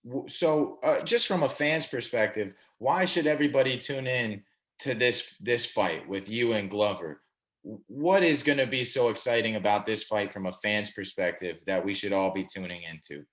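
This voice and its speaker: A man hosting an interview show, asking questions and affirming answers with quick agreement. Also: fairly low pitch, a bit bright. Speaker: podcast host. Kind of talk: casual interview.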